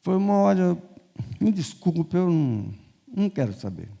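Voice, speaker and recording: High-voiced, lively Brazilian preacher in reverb. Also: male voice, moderate pace, gravelly. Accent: Brazilian Portuguese. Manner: animated, acts out dialogue in quoted voices. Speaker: bishop preaching. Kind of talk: storytelling sermon. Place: church sanctuary. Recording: long reverb in a church hall.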